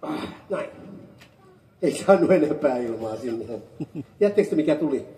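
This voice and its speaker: A woman doing a playful magic show for children, teasing her young helpers and calling out the magic words. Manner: teasing, animated, bursts into high calls on magic words. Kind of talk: playful stage patter with a child audience. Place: amusement park show area. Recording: roomy, distant sound with faint ambient noise.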